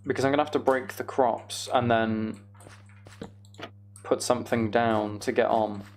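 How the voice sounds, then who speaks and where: Keyboard clicks and typing are clearly audible as this stream host talks casually with his audience and mutters his way through each step of his task. He speaks a little slowly, at medium pitch with fairly even intonation.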